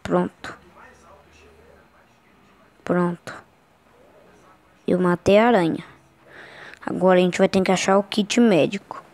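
A woman's voice: on the low side, steady tone, slow, long pauses, darkish tone, no room sound. A Brazilian woman giving casual, scared and anxious commentary while playing a horror game, often repeating short phrases. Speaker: gaming streamer.

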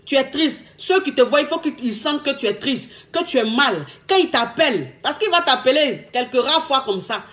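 A woman's voice: sits high, normal speed, hardly any pauses. A woman, giving emphatic, casual relationship advice as a coach. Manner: lively, emphatic, repetitive, laughing often.

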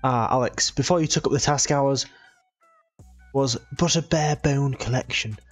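A man's voice: medium pitch, measured pace, no room sound, faint music behind, natural voice. A man voicing a pompous old male owl museum curator, formal and stuffy, chuckling at his own puns.

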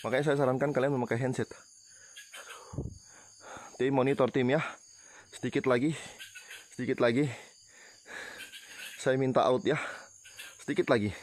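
A man's voice: medium pitch, fairly even intonation, normal speed, pauses often. A man vlogging a ghost hunt outdoors at night among banana plants, nervous and jumpy, worn out, muttering prayers. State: tired, worn out.

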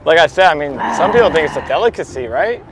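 Teasing man with a high voice, outdoors. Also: lively intonation, fast, over music. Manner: teasing, laughs often. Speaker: fishing captain and channel host. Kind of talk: casual vlog banter. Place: outdoors on a boat and a marina dock.

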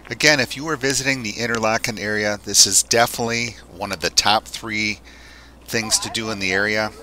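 His lowish voice is brisk and sharp with fairly even intonation as this middle-aged travel vlogger enthusiastically shows viewers around. The camera mic captures him outdoors by a canal and on a mountain train, amid crowd chatter and train and street noise.

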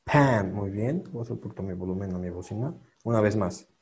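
Patient male pronunciation teacher, mellow voice. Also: lowish voice. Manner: patient, repeats sounds slowly and stresses them. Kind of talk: online class, coaching students one by one.

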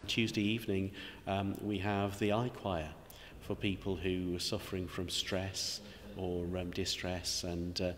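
A man's voice: low-pitched, flat delivery, unhurried, hardly any pauses, fairly bright tone. A middle-aged man, a vicar, speaking hesitantly with many ums in an interview inside a church. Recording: reverberant church with faint noise.

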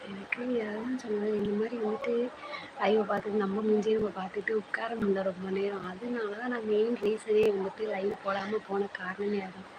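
A woman with a Thanjavur Tamil accent hosts a phone live stream at her usual pitch and talks in a chatty, rambling way. She teases her son off to the side. There is steady background noise behind her voice. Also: a little fast. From Thanjavur, Tamil Nadu. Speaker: channel host on a live stream. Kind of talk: casual live-stream chat. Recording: noisy home live-stream audio.

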